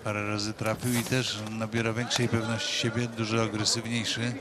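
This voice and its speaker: A man's voice: lowish voice, little pitch movement, fairly quick, over a noisy crowd. A man co-commentating on a boxing bout, calling the punches in a matter-of-fact way. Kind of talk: live sports commentary.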